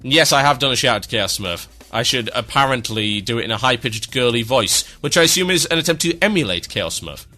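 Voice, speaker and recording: A man hosting an internet radio show, reading out listener shout-outs with dry, sarcastic, mock-grand asides. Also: mid-range voice, animated, a little fast, few pauses, faint music behind.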